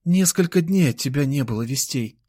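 A man voicing a gentle young woman who speaks softly and tenderly, in an audiobook. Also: medium pitch, animated, a little fast, dry recording, studio quality, voice pushed up, close to an everyday voice. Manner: soft, tender.

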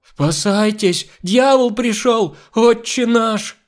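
A man's voice: a little high, lively intonation, measured pace, darkish tone, voice pushed up. A man reading an audiobook, voicing an old, pious, superstitious housemaid who whines. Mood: terrified. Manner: whining, superstitious. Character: old frightened woman servant, pious and whining.

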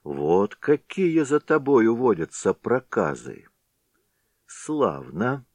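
A man's voice: fairly low pitch, big pitch swings, slow pace, darkish tone, dry recording, studio quality, voice pushed up, heavily acted. A man voicing a bold young village lad who mocks his father and rallies his friends. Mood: mocking. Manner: mocking, rousing.

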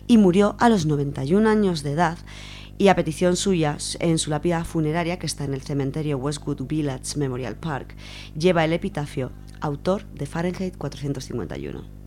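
Presenting on radio, a Spanish woman gives a semi-prepared, informal explanation, going back over her points along the way. Her voice is low-pitched, expressive and mellow, and she moves at a brisk pace.

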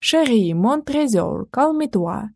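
A woman reading an audiobook, voicing a gentle French man who speaks slowly and tenderly. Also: fairly high pitch, animated, gravelly, husky, full character voice. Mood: soothing.

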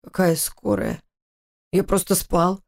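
A woman reading a story aloud, voicing a feverish, sullen husband in his thirties who speaks hoarsely and mumbles slowly in a low voice. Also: darkish tone, close to an everyday voice. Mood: grumbling.

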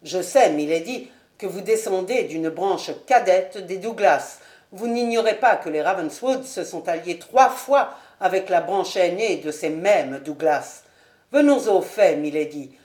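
A woman voicing a dignified, proud marquis who speaks formally and gravely, in a roomy recording. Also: on the low side, lively intonation, a little slow, darkish tone.

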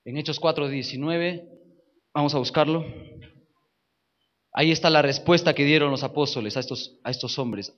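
A man's voice: a little high, moderate pace, pauses often, lo-fi sound. A man preaching a sermon with emphasis, repeating key phrases and putting questions to his listeners.

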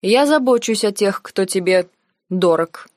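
A woman reading the lines of a cold, calculating noble uncle in an audiobook, measured and sarcastic. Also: mid-range voice, expressive, darkish tone, no echo, studio quality, voice pushed up, close to an everyday voice. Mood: cold, lecturing. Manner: measured, lazy, coldly sarcastic.

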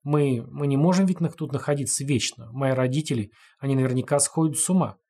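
A man voicing a frightened captive woman who pleads tearfully and haltingly, in a storybook reading. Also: mid-range voice, dark tone, close to an everyday voice. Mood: anxious.

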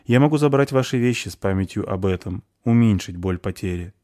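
Man voicing a gentle soothing creature, kind, warm dry tone. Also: lowish voice, brisk, no echo, close to an everyday voice.

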